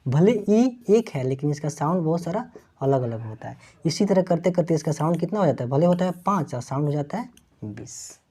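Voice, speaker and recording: A woman's voice: low voice, expressive, brisk, mellow, breathy edge. A woman teaching an English lesson, explaining letter sounds and asking her students questions, then repeating each answer.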